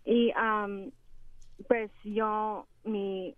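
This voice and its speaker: A woman's voice: medium pitch, little pitch movement, extremely slow, no echo. Middle-aged woman calling a radio show by phone. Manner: radio show caller, hesitant and pleading. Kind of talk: personal call-in conversation. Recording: narrow tinny phone line.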